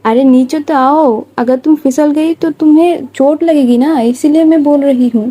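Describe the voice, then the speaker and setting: A woman's voice: high voice, steady tone, normal speed, dark tone, lightly acted, poor audio. A woman voicing a caring but bossy young woman who scolds and fusses over someone in a story. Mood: scolding. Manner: scolding, fussing, insistent.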